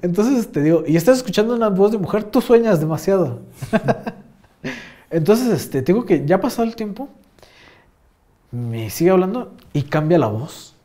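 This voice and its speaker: A man's voice: high voice, big pitch swings, normal speed, long pauses, mellow. A young man with a Mexican accent telling a rambling, slang-filled story in casual chat, full of fillers. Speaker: podcast host.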